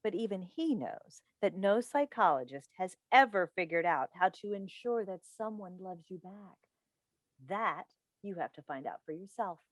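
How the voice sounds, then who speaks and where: Here a woman performs in a staged play reading, voicing a doting, meddling mother who is also a chatty, coaxing radio call-in host, and her theatrical delivery is emphatic, coaxing and teasing. Her voice is natural and mid-range, animated, at a normal speed. There's no echo, and she's indoors, recorded over a video call.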